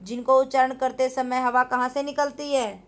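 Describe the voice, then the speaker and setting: A woman's voice: sits high, fairly even intonation, moderate pace. A woman teacher patiently explaining a school grammar exercise, repeating points and asking her pupils questions.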